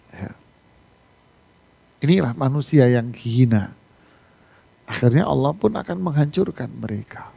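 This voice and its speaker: A man's voice: fairly high pitch, gravelly, breathy edge. A man preaching a mosque sermon, telling stories and asking rhetorical questions. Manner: animated storytelling with rhetorical questions. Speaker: Islamic preacher. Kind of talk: mosque sermon on Quran exegesis.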